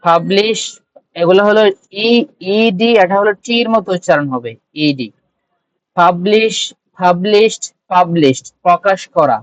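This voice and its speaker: A man's voice: high voice, measured pace, no room sound. A man teaching a live online spoken English class, reading verb forms aloud in repeated drills. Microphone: computer or phone mic on a video call. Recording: dull dry online call audio.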